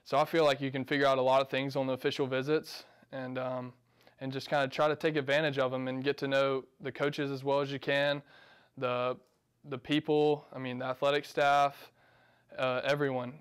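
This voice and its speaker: A man's voice: medium pitch, flat delivery, brisk, clear, resonant tone. A man in his early twenties from Georgia with an American accent, giving casual, earnest interview answers in a plain-spoken way. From Georgia, United States. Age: early 20s. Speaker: college tennis player and coach. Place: small office, indoors.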